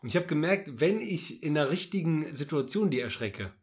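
Young man chatting fast, slightly high voice. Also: lively intonation. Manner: hurried, restarts often, acts out quotes loudly. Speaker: podcast co-host. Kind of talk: casual chat.

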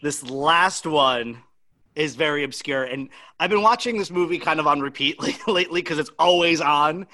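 A man's voice: a little high, moderate pace, sharp tone. A man playing a casual movie quote guessing game with friends, laughing often. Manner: laughing, easygoing. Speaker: quiz game player. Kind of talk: casual chat.

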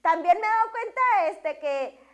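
A woman's voice: extremely high pitch, expressive, normal speed. A woman with a Mexican accent hosting an interview in an informal, encouraging, chatty way. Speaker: interview host. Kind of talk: casual chat.

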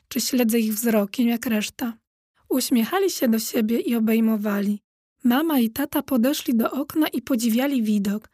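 A woman voicing an excitable, timid ghost lady of a castle, talking high and fluttery. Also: no room sound, studio quality, lightly acted. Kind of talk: children's audiobook character voice.

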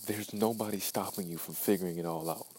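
A low, husky, slightly mellow voice belongs to a man in his early twenties giving himself a blunt, profane pep talk. He keeps a steady tone and fairly quick pace, repeating phrases for emphasis in this podcast monologue.

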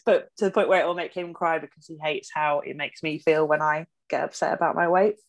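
Low-voiced woman in her twenties, an open podcast guest who trails off. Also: fairly even intonation, brisk. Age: 20s. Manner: open and self-deprecating, trailing off often. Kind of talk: casual chat.

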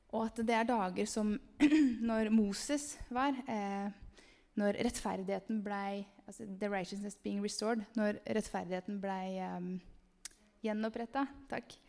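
A woman giving an animated, emphatic testimony sermon about a vision, sometimes calling out loudly to the listeners. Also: mid-range voice. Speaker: speaker sharing a vision. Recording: long hall reverb.

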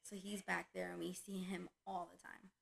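A woman talks in an easy, casual chat, her voice carrying a gravelly edge. She tells stories with lively energy and slips into playful voices for her dogs. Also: fairly low pitch, normal speed, poor audio. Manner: animated storyteller, acts out her dog's voice. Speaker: dog breeder.

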